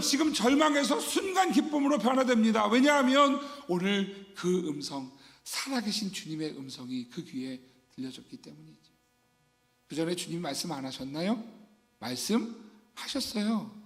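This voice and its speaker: A man preaching a sermon as pastor, fervent and dramatic, acting out scenes for his congregation. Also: a little high. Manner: fervent preaching, acts out weeping Mary. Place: church sanctuary. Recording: long church-hall reverb.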